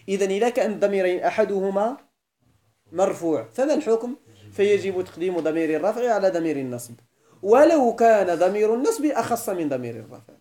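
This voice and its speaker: A man's voice: sits high, mellow. A man with a Moroccan accent lecturing on Arabic grammar, switching between classical Arabic and Moroccan dialect and often checking that his students follow. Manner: keeps checking the class understands. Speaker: Islamic scholar teaching Arabic grammar.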